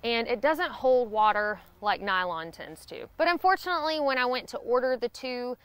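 Outdoors on a grassy lawn, a young woman with a Southern US accent gives a scripted gear review to camera. Her slightly high voice moves at a normal speed, clear, even and informative, with no room sound.

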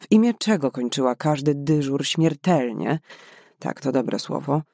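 A man narrating a novel in a measured, dramatic way. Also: mid-range voice, expressive, gravelly, a little mellow, dry recording, studio quality. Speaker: audiobook narrator. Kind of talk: scripted narration.

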